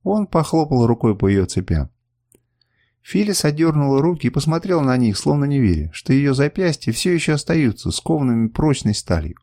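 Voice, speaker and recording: A man reading a novel aloud as an audiobook narrator, expressive and dramatic. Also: medium pitch, fairly quick, no echo, studio quality. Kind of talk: scripted narration.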